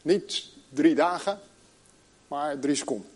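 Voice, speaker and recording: Middle-aged male preacher, slightly high voice, slow deliberate scripture reading with pauses. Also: a little mellow, slightly rough. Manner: storytelling, then reading scripture slowly with long pauses. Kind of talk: sermon.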